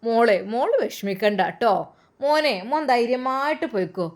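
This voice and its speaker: A woman's voice: fairly high pitch, expressive, moderate pace, close to an everyday voice. A woman voicing an older village mother, who speaks in a soothing, firm way and uses many motherly endearments.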